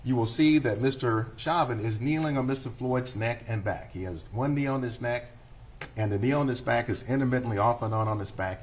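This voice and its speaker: Middle-aged male prosecutor, deliberate courtroom opening to a jury. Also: on the low side, darkish tone, a little hiss or hum. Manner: measured, deliberate, addressing a jury.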